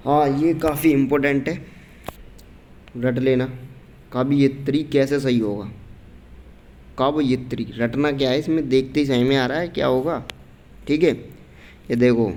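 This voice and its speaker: A man's voice: mid-range voice, a little mellow. A man teaching a casual exam-prep grammar lesson, talking informally to students, going through answer options and checking often that they follow. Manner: informal, repeats "theek hai" often, reads out answer options.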